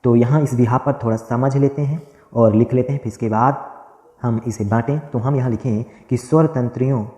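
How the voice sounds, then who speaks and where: A man teaching a grammar lesson, dictating notes slowly, repeating phrases and asking questions that he answers himself. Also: mid-range voice, fairly even intonation, dark tone. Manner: repetitive, asks and answers his own questions. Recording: echoey room with long reverb.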